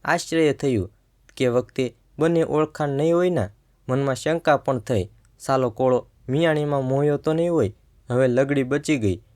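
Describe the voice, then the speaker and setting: A man's voice: medium pitch, darkish tone. A man narrating a first-person story in a tense, suspenseful way.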